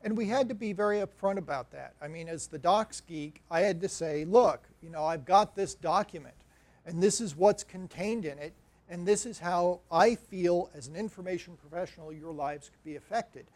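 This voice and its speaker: Male librarian giving a conference talk, high voice, wry and animated. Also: normal speed. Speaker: academic librarian presenter. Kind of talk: conference presentation.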